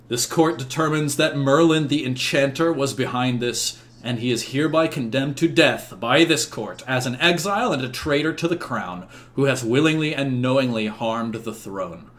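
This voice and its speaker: A man voicing a stern medieval king who makes formal, measured pronouncements from his throne in a tabletop game. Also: mid-range voice, natural voice.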